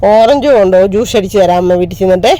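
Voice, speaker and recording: A vlogger hosts a casual family vlog while out shopping, chatting to the camera in a chatty, folksy way and coaxing a small child with baby talk. Her voice is medium-pitched and mellow, and she speaks very fast.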